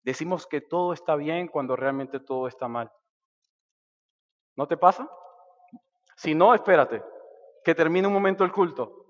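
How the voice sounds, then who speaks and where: Guy preaching hard, loud then hushed, kinda high voice, long echo. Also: moderate pace, long pauses, muffled recording. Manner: impassioned preaching, swinging between loud and hushed. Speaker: pastor. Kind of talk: sermon. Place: church sanctuary.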